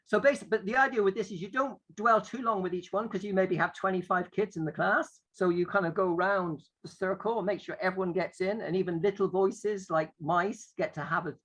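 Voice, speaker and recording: Chatty and playful, a male drama educator walks through a classroom exercise, frequently performing what the teacher would say. The recording is low quality, and his voice is high with a fairly bright tone.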